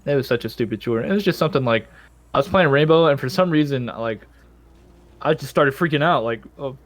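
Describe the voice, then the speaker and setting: A man's voice: medium pitch, lively intonation, fairly quick, a little hiss or hum. Rambling young man hosting a casual podcast. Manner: rambling, profane, self-mocking. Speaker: podcast host. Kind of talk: casual chat.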